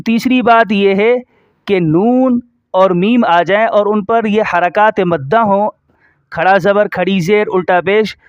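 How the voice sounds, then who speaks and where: A man teaching Quran reading, stretching out each syllable slowly in recitation and then explaining quickly in between. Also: high voice, clean tone, dry recording, muffled recording. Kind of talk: recorded lesson.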